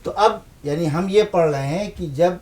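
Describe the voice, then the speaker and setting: Male teacher, slightly high voice, patient lesson delivery, repeats himself for emphasis. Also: darkish tone. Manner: patient, asks questions then answers them himself; repeats key points for emphasis. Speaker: Urdu script teacher. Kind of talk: televised language lesson.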